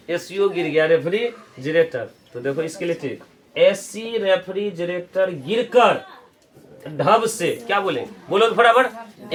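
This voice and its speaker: A male teacher giving a casual chemistry lesson, making up funny stories and chanting memory tricks slowly for students to repeat. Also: high voice, fairly bright tone.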